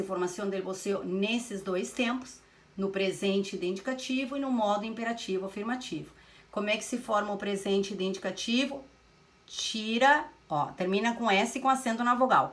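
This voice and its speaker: A woman's voice: a little high, fairly bright tone. A woman teaching Spanish grammar, explaining step by step and answering her own questions. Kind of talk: recorded classroom lesson.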